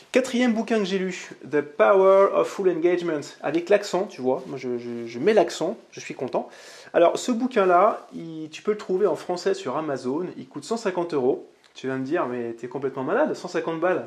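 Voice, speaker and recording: A man's voice: a little high, a little mellow. A man hosting a casual vlog, recommending books in a chatty, upbeat way and talking straight to the viewer. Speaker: channel host reviewing books. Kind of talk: casual vlog talk to camera.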